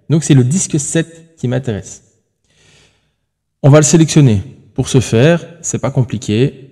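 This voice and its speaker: A man's voice: medium pitch, dark tone. A man hosting a tech tutorial, talking casually through each step on screen, thinking aloud with fillers and self-corrections.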